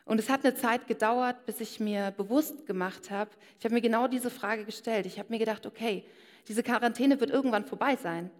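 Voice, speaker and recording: A woman's voice: a little high, normal speed. A woman giving a personal sermon and speaking straight to her listeners. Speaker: preacher. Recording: long hall reverb.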